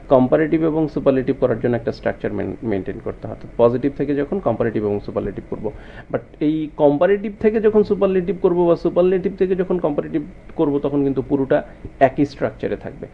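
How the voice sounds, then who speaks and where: A man's voice: on the high side, creaky, phone-quality sound, slight background noise. A man teaching a grammar lesson to students, often asking them rhetorical questions. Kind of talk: explanatory lesson.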